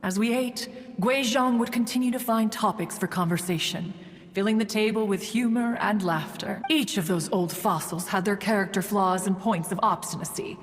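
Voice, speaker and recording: Playing a proud and wistful ancient female immortal in a game, a woman narrates in lofty, old-fashioned, pompous phrasing, her mood nostalgic. Her natural, mid-range voice keeps a moderate pace over background music, with a long hall reverb and a slight hiss or hum.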